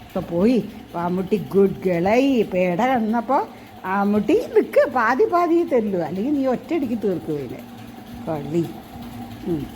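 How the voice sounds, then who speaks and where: A woman coaxing and gently scolding her pet in an affectionate, sing-song voice. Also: mid-range voice, very animated, normal speed, a little hiss or hum, poor audio. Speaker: pet owner filming her pet. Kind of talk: cooing talk to a pet.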